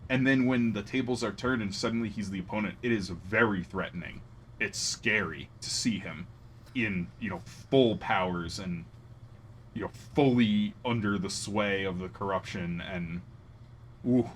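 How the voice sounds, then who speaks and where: A man co-hosting a book podcast, speaking thoughtfully in a measured way with fillers. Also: on the low side. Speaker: podcast co-host. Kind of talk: casual book discussion. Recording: background noise.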